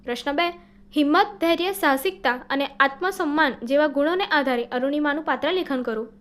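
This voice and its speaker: A woman teaching by reading workbook answers aloud in a steady, explanatory way, now and then correcting a slip. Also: sits high, a little fast.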